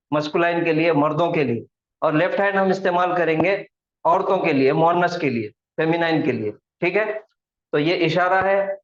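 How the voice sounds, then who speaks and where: Male grammar teacher, slightly raised pitch, repeats each point patiently; roomy echo, muffled lo-fi sound. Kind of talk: classroom lesson explaining grammar at a board. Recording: echoey room, dull lo-fi sound.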